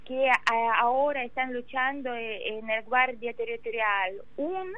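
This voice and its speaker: An emotional woman with a Ukrainian accent gives interview testimony haltingly, searching for words in a language that is not her own. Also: a little high, no room sound, phone-quality sound. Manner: halting, searching for words in non-native Spanish. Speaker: interview guest.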